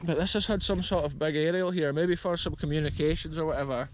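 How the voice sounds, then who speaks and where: This Scottish man in his thirties talks fast, his slightly high voice steady as he enthusiastically walks viewers, whom he calls folks, through an open grassy field. He films on a close-held action camera, and the audio is dull with slight background noise.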